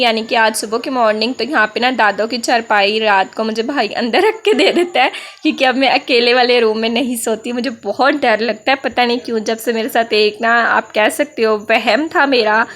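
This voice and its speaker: Woman, young, Pakistani Urdu accent, high voice, chatty storyteller, vlog voice-over. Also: moderate pace, a bit bright. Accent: Pakistani Urdu with Punjabi touches. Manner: chatty storytelling, peppered with "na", often laughing. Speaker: vlogger. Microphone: voice-over mic.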